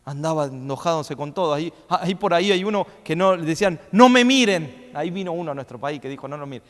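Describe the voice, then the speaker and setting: Man, fiery sermon, high voice, long church reverb. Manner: preaching with sudden loud rises and quick asides. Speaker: pastor. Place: church hall.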